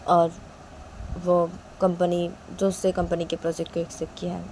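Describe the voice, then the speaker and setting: A woman voicing a shy, lovestruck young man who talks softly and pleads with his older sister. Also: lowish voice, monotone, normal speed, slight background noise, natural voice. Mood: dreamy.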